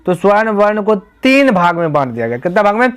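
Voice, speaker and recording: A man's voice: high voice, big pitch swings, fairly quick, smooth. A man teaching a grammar lesson. He explains step by step, asks the students rhetorical questions and answers them himself, and calls them "my brother.".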